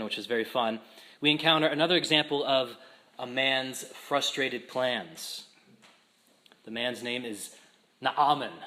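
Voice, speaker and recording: Priest guy giving a sermon, bright clear voice, jokey and laughing, middle pitch. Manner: humorous, lively storytelling with laughing asides. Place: church.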